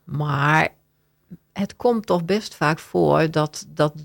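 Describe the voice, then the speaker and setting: A woman's voice: low voice, very slow, gravelly, no room sound, clean studio sound. A woman working as a confidential adviser, giving a radio interview and explaining an example with hesitant restarts. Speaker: confidential adviser on workplace conduct.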